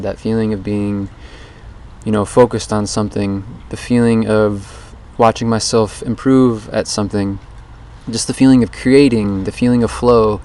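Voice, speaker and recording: This man's voice is lowish and warm as he talks casually through an introspective, rambling diary entry for his daily challenge vlog. He's outdoors under a bridge, holding a voice recorder that also picks up background noise.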